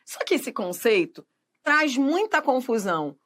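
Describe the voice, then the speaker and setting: A woman with a fairly high voice leads a grammar video lesson. She talks directly to the viewer, poses questions and answers them herself, and stretches each example word out slowly so it can be heard clearly. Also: sing-song. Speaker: Portuguese grammar teacher.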